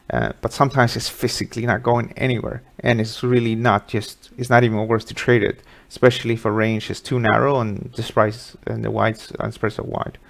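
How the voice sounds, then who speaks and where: A man's voice: mid-range voice, vocal fry. A middle-aged man from Sweden hosting a live market webinar, talking casually through charts with many fillers.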